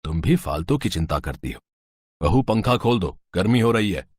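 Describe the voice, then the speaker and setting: Easygoing older husband, acted, deep, animated, dry. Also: normal speed, slightly rough, no room sound, full character voice. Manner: relaxed, gently chiding. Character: older father-in-law, easygoing and generous.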